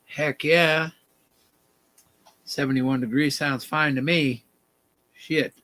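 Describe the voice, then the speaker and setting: A man's voice: a little high, steady tone, slow, sharp tone. A man in his fifties hosting a casual livestream chat in a laid-back, sweary way. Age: 50s. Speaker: livestream host.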